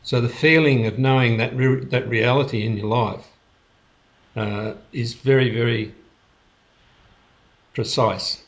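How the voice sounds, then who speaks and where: Unhurried man talking over a video call. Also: medium pitch, fairly even intonation. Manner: unhurried, halting, with many restarts and soft laughs. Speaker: host of a spiritual gathering. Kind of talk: casual reflective talk on a video call.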